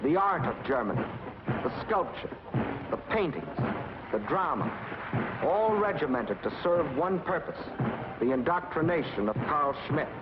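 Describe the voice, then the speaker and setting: An American man narrates a 1940s propaganda film from a script, his slightly high voice expressive and unhurried. The documentary narrator sounds dramatic and emphatic in clipped phrases, and the old soundtrack is lo-fi and very noisy.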